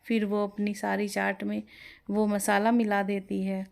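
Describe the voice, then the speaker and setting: A woman's voice: medium pitch, completely flat delivery, measured pace, gravelly, a little mellow. Woman narrating a bedtime story.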